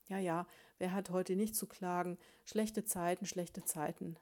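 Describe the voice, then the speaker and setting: A woman voicing a stingy, grumpy male hamster farmer who snaps, blusters and shouts in complaint. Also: mid-range voice, moderate pace, lightly acted. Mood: muttering gloomily. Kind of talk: audiobook character voice.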